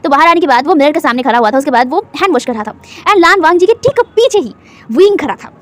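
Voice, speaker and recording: A woman's voice: high voice, animated, fast talker, a bit bright. A woman casually retelling her own fan fiction story, chatty and full of little asides.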